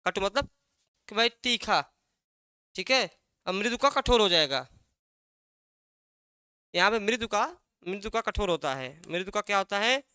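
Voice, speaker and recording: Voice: medium pitch, lively intonation, a little slow, long pauses, pushed and bright, smooth, no room sound, studio quality. A teacher giving an exam-prep language lesson, asking a question and then answering it, repeating key words again and again.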